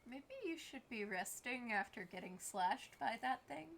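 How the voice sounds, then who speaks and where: A woman's voice: on the high side, expressive, normal speed, creaky, fairly bright tone, slight background noise. A woman giving casual, blunt, joking commentary while playing through a video game.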